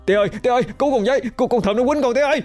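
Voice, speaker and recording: A man's voice: very high voice, racing, a little mellow, faint music behind, pitched above the performer's own voice. A man voicing a mischievous teenage country boy who stammers and jokes. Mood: mock panic. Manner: stammering, sheepish, teasing.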